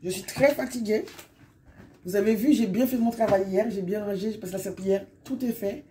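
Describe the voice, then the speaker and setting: A hoarse, middle-aged woman from Guadeloupe chatting casually in a vlog, rambling and often wrapping up her points. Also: medium pitch, brisk, dark tone, a little hiss or hum. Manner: chatty and rambling, often sums up with "donc voilà". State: hoarse from illness. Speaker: vlogger.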